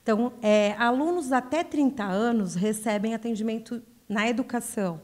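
A woman's voice: fairly high pitch, normal speed, darkish tone. A woman, explaining things in an interview into a handheld microphone. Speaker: school director. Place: indoors, small room.

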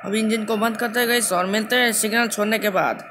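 A gaming channel host gives casual gameplay commentary, repeating and restarting phrases as he talks to viewers. His voice is high, with fairly even intonation and a quick pace. The recording is noisy, with a vehicle engine droning behind him.

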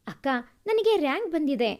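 A woman's voice: high-pitched, big pitch swings, moderate pace, mellow. A woman voicing an eager, affectionate young male student in a story reading.

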